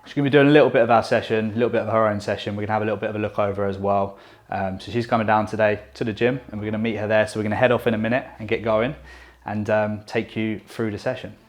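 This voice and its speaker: A young man coaching and hosting a casual vlog, chatty and relaxed with frequent fillers. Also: lowish voice, very fast. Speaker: bodybuilding coach and channel host.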